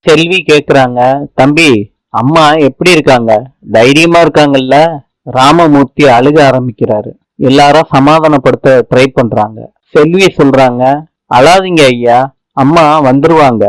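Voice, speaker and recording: A man's voice: medium pitch, normal speed, no room sound, poor audio. A man narrating a TV serial episode recap in casual colloquial speech, reading out every character's lines in his own voice.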